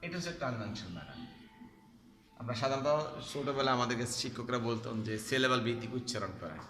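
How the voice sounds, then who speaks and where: A man teaching an accounting class, asking students questions and repeating key terms slowly so they stick. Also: medium pitch, animated, a bit bright, soft background music. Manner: addresses students directly with questions. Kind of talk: classroom lecture. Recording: echoey hall with faint background noise.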